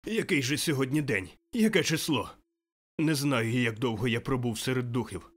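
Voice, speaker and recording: A man's voice: medium pitch, lively intonation, normal speed, close to an everyday voice. Man playing an overjoyed old Scrooge. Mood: giddy, exultant. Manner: exclaiming, breathless, laughing. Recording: faint music behind.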